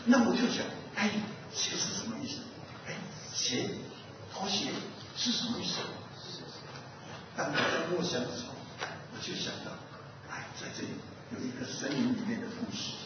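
A very animated male pastor with a slightly high voice preaches at normal speed, pausing often. He asks listeners questions and acts out an animal fable, all recorded from a distance in a noisy, muffled, echoing hall.

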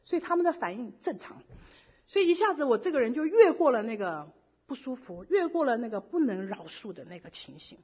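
Middle-aged woman telling her church testimony, high breathy voice, lively, drops english words in, muffled lo-fi audio. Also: brisk. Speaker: church member giving a testimony. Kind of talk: personal testimony. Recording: dull lo-fi recording.

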